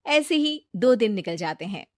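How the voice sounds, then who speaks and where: A woman doing scripted storybook narration for a family cartoon, plain and even. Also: medium pitch, normal speed, no room sound, studio quality.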